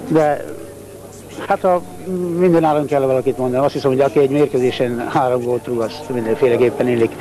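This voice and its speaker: A man's voice: medium pitch, steady tone, poor audio. A middle-aged man answering as a coach in an interview, hesitant and searching for words. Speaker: football coach being interviewed. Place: outdoors, by leafy fence. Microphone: handheld interview microphone. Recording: amateur 1990s video, crowd noise.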